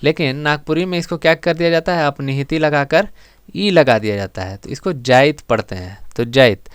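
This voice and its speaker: A man teaching an exam-prep grammar lesson, explaining step by step and repeating words slowly for emphasis. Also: a little high, expressive, clean tone, no echo, studio quality.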